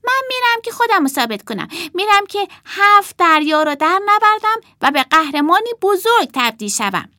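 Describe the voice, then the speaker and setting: A proud young boy from a storybook, as a woman reader puts him on, speaking in a high, swooping voice that keeps climbing as he insists he will prove himself. The reading is close and dry, with no room around it. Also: big pitch swings, dry recording, exaggerated voice. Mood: boastful. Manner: earnest, boastful, rising to shouts.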